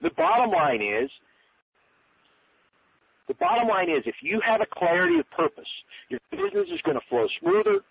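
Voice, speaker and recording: A man's voice: very high-pitched, sing-song, normal speed, vocal fry, long pauses, slightly rough. A man giving a recorded business training talk, earnest and repetitive, acting out sample sales calls. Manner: earnest, repeats and restarts, acts out sample calls. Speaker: business coach. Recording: tinny phone-line sound.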